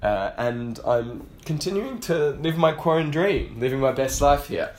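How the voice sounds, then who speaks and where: Man, guest contributor, casual update, halting, lots of ums and uhs. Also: mid-range voice, lively intonation, a little hiss or hum. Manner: halting, with many fillers.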